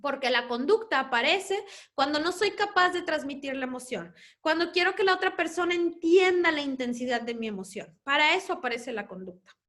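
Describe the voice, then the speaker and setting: This is a woman with a Mexican accent and a high voice giving a talk to parents on family life. She speaks as a mother herself, explaining her points and acting out what children say at home. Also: expressive, fairly quick, fairly bright tone. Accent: Mexican Spanish. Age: adult parent.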